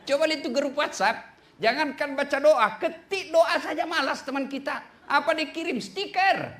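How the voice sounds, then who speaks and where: A man's voice: very high voice, moderate pace, a bit bright. A middle-aged man preaching a humorous sermon to women, joking and switching voices for the people he quotes.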